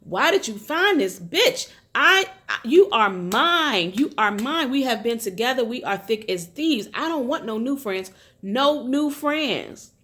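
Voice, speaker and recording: A woman's voice: on the high side, lively intonation, measured pace, a bit bright. Woman mimicking a clingy jealous mother. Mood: jealous, whiny. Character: possessive clingy mother, jealous of son's new wife.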